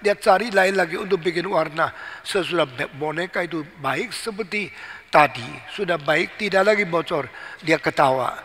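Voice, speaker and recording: A man's voice: a little high, moderate pace, fairly bright tone. A man preaching a sermon as pastor, emphatic and repetitive, asking rhetorical questions. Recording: long hall reverb.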